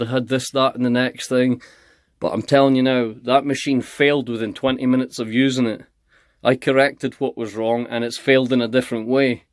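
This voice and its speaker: A man's voice: mid-range voice, no room sound, studio quality. A man ranting angrily to camera, heated and confrontational, repeating himself as he complains. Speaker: channel host. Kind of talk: angry ranting vlog.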